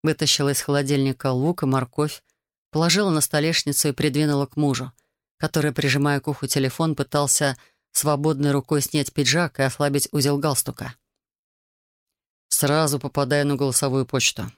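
Low-voiced woman narrating a novel. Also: steady tone, brisk, no echo, studio quality. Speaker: audiobook narrator. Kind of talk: scripted narration.

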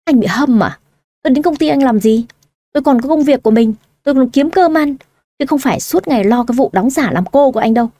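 Woman doing a cheeky sharp-tongued young woman, highish voice, dry close audiobook sound. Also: expressive, fast talker, no room sound. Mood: indignant. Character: bold young woman posing as a lost daughter.

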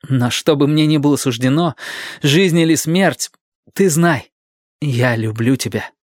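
A man's voice: a little high, unhurried, dry recording, studio quality, lightly acted. A man doing an earnest brave young man. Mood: earnest, loving.

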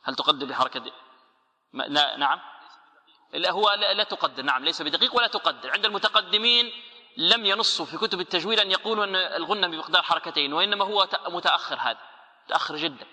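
A man teaching tajweed, posing rhetorical questions and answering them himself, and slowing into chanted recitation for examples. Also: sits high, bright, forceful tone, big-room sound. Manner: explains by asking rhetorical questions, then answering.

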